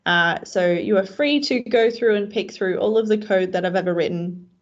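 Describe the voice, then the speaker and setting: A woman's voice: medium pitch, moderate pace. Chatty woman on a dull video call. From Australia. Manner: chatty, self-deprecating, many fillers. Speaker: co-presenter, web developer. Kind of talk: casual meetup presentation. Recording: slightly dull online call audio.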